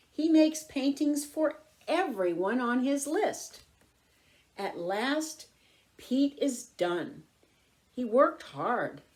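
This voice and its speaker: Reading a children's story, a female narrator takes a slow, deliberate approach, her intonation swinging widely. Her delivery is expressive and clearly phrased, suited to a picture book.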